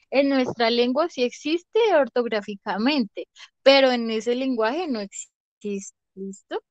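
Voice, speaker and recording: A woman teacher leads an online class over a video call with a fairly high voice. Her sound is dry and close, with no room around it. She explains patiently and keeps checking that the class follows. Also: no echo, dull audio. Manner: patient, checks understanding with frequent questions. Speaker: English teacher.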